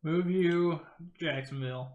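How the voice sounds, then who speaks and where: A man's voice: a little high, a little slow, a little mellow, highs cut off. A man in his early twenties playing a board game, asking questions and thinking his moves aloud in casual chat. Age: 20s. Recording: echoey room.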